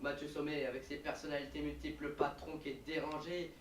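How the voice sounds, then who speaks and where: A man's voice: a little high, level tone, fast talker. A man doing amateur video commentary, hesitant and stumbling over his words, recorded in an echoey room far from the mic with faint hiss. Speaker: youtuber in his old video.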